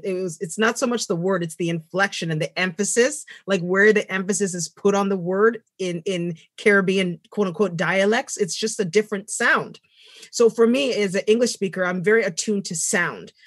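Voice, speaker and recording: A woman's voice: medium pitch, dry recording, studio quality. A woman from Canada talking reflectively in a webinar discussion over a video call. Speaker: panel guest writer.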